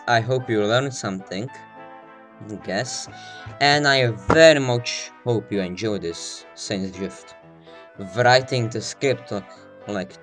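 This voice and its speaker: A man's voice: mid-range voice, fairly bright tone. A man giving a casual, rambling game guide while recording under a blanket, sounding slightly out of breath and self-deprecating. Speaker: video game guide maker.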